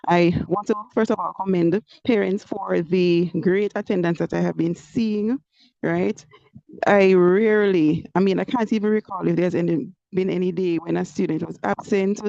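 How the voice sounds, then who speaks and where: A woman with a gravelly edge, speaking as a teacher to parents. Her voice comes through a muffled, lo-fi online group call and sounds dry and close. She praises warmly and drops "you know" into her sentences. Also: lowish voice, steady tone, normal speed, no echo. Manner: warm praise, frequent "you know" fillers. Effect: online group call audio, connection breaking up. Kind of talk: update to parents in an online meeting. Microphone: computer or phone mic on a video call. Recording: muffled, lo-fi video call audio.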